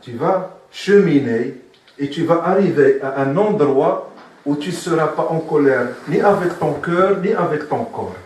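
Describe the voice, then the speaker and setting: A man's voice: on the high side, lively intonation, a little slow, a little mellow. A man giving a spoken religious lesson as a sheikh, asking his listeners questions and repeating his key points. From Morocco. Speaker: sheikh teaching Sufism. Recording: very echoey room, from far off.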